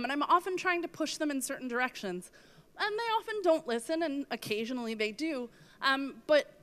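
A woman in her thirties speaks from a large festival tent stage, holding a handheld mic for a conference-style talk. Her voice is a little high, slightly bright, and smooth, though it's starting to give out. She comes across as earnest and keeps correcting herself.

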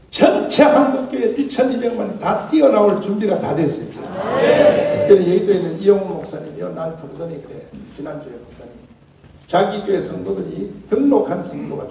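A man in his sixties with a Gyeongsang accent, preaching a fiery political sermon at a breakfast gathering, swinging from low mutters to loud shouts. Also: gravelly, a little hiss or hum. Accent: Gyeongsang Korean. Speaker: pastor. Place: large hall at a breakfast gathering. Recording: echoey hall, mic at a distance.

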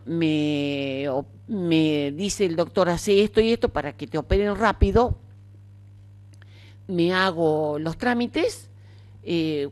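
An older woman with an Argentine accent, telling her own story frankly and chattily in an interview, with many fillers. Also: sits low. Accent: Argentine Spanish. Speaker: interviewee, cancer survivor. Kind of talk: casual conversational storytelling.

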